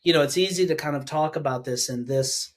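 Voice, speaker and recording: A man's voice: on the high side, brisk. Casual chatty man podcast host. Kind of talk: podcast interview conversation.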